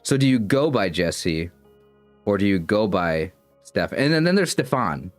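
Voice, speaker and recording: A young man with a lowish voice speaks a little slowly with big pitch swings, soft background music playing and no echo. In this casual livestream chat he rambles, self-conscious, often stumbling and restarting his sentences.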